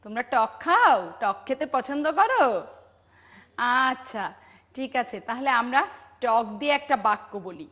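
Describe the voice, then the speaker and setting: Female pre-primary teacher, Bangladeshi accent, high and unhurried, call-and-response lesson style. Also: sing-song, a bit bright. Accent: Bangladeshi Bengali. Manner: slow, patient, drawn-out recitation with call-and-response questions. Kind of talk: televised home-learning lesson for young children.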